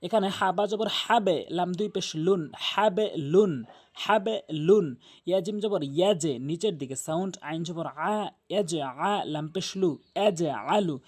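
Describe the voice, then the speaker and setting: Teacher slowly drilling letter sounds. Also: medium pitch, darkish tone. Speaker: Quran recitation teacher. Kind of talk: step-by-step spoken lesson.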